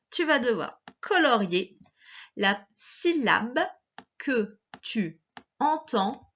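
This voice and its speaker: A woman teaching a young child reading sounds, speaking slowly and carefully and stretching out each key word. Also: fairly high pitch, dull audio. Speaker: primary school teacher. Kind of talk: recorded phonics lesson for a young child.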